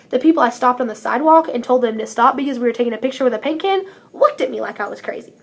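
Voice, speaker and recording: A woman's voice: a little high, slight background noise. A teenage girl gives an earnest, upbeat prepared speech as a student speaker, reading from a script. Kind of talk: prepared speech read aloud.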